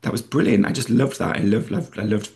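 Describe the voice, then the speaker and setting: A man's voice: lowish voice, a little mellow. A man from Nottinghamshire with a North Nottinghamshire accent, a playwright and screenwriter talking in an interview, enthusiastic and full of restarts. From Nottinghamshire, England. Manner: enthusiastic, fast, many restarts and repeated words. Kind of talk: casual interview chat.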